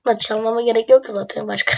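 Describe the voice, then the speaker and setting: A woman's voice: fairly high pitch, fairly even intonation, quick pace, vocal fry, lo-fi sound. A woman giving casual game commentary, playful and swearing jokingly. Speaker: gamer.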